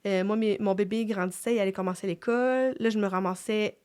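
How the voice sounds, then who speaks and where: A woman's voice: mid-range voice, fairly even intonation, a little fast, darkish tone, clear, resonant tone. A middle-aged woman with a Québécois French accent, hosting a casual faith chat in a reflective way, with many fillers and restarts. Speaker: podcast host.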